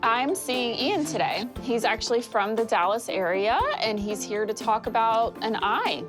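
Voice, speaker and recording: A woman's voice: a little high, moderate pace, over music. A woman in her forties, a prosthetics specialist, speaking directly and with easy jokes while narrating and consulting a patient. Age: 40s. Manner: friendly, direct, joking. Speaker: anaplastologist. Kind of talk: reality show narration and consultation.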